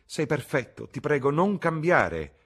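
A man's voice: on the high side, big pitch swings, fairly bright tone, breathy edge, pitched above the performer's own voice, full character voice. A man voicing a languid, ironic aristocrat. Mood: amused, teasing. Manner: languid, ironic, drawn-out delivery. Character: witty cynical aristocratic English gentleman. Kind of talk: audiobook character reading.

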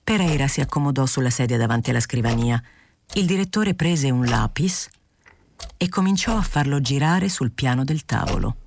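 A woman's voice: very deep voice, animated, normal speed, vocal fry, darkish tone, slight background noise. Woman reading a novel aloud. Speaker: audiobook reader. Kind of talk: literary audiobook narration.

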